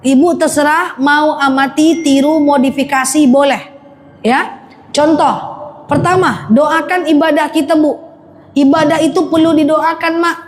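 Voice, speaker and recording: A woman preacher giving a lively religious lecture to a women's congregation, joking and speaking to them directly. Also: high voice, unhurried. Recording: faint background noise.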